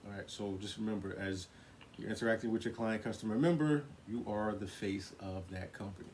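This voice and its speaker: A man's voice: lowish voice, a little fast, a little mellow, slight background noise. Brief: easygoing male co-host, walks through points, checks in with the listener. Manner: explanatory, keeps checking with "right?". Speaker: co-host of a couple's channel. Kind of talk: casual explanation.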